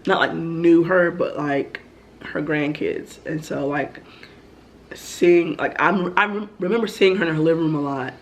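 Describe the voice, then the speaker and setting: Her voice sits low and moves a little slowly. This young vlogger, still congested from the flu, rambles chattily through questions about herself in a relaxed Q&A, dropping plenty of ums along the way.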